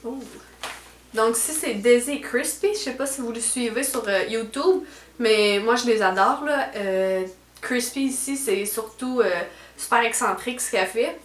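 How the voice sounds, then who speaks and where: A young woman with a Quebec French accent talks her way through a beauty unboxing in a relaxed, rambling way, and her voice sits a bit high. She fills her sentences with little hesitations and trailing tags. The sound bounces around an echoey room at home. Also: a little slow, slight background noise. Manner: chatty, full of fillers and trailing "là". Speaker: beauty vlogger. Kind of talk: casual unboxing chat. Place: at home indoors.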